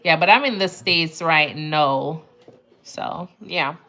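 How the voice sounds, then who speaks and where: Her voice sits low and she takes things slowly, this Jamaican nurse hosting a livestream. She chats informally and reads out viewer comments with a Jamaican accent, staying relaxed and talkative, laughing easily, and using Jamaican phrasing.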